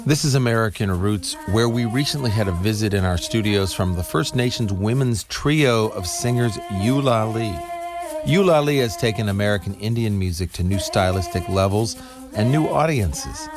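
A man with a lowish voice presents a radio program from the studio. He speaks in a calm, measured way while music plays softly underneath him. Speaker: radio host. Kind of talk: radio interview and narration.

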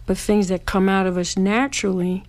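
A woman singer, born and raised in New York City, explaining things in a relaxed way during an interview. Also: mid-range voice, moderate pace. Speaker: singer, guest.

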